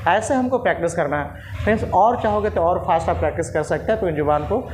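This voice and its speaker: A man's voice: high-pitched, animated, a little mellow, slight background noise. Patient man drilling tongue twisters. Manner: patient, repeats drills slowly, addresses viewers as friends. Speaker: spoken English teacher. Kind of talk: classroom-style language lesson. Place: in front of a writing board.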